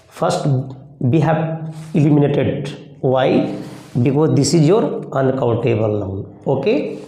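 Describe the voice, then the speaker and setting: Indian english teacher guy, slow deliberate grammar explaining, kinda higher voice, roomy echo. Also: vocal fry, warm tone. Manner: slow, step-by-step explaining with repeated questions. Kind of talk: grammar lesson. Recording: echoey room.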